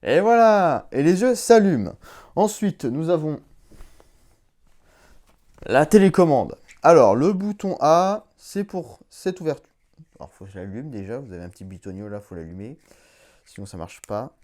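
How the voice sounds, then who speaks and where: A young man in a casual product demo, chatting as he works the gadget and swearing now and then. His pitch swings widely from line to line. His English voice commands come out slow and careful. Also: animated, darkish tone. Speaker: YouTuber reviewing a collectible.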